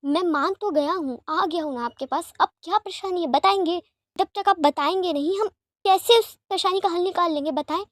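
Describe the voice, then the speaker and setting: A gentle, devoted young man speaks softly and remorsefully, as a woman reads him out in an audio fanfiction story. The voice sits high and the sound is dry and close, with nothing around it. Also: moderate pace, hardly any pauses, dry recording. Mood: pleading. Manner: soft-spoken, remorseful, pleading.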